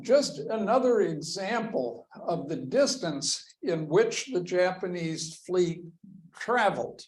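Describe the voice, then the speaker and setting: A man giving a history lecture to a class, talking slowly and deliberately as he walks through slides. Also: sits high, a little mellow, poor audio. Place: lecture room with a class present.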